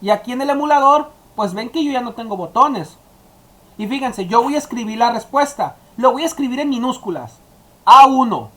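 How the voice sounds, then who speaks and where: A woman's voice: on the high side, animated, normal speed. Woman explaining a coding tutorial. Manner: explaining step by step, addressing students directly. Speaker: teacher. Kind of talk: screen-recorded coding tutorial.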